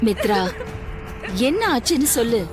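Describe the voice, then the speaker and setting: A stern wealthy matriarch. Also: female voice, fairly high pitch, very animated, normal speed. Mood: consoling. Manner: firm, commanding. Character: stern wealthy matriarch, commanding mother-in-law. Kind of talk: TV serial acting. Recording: music score behind dialogue.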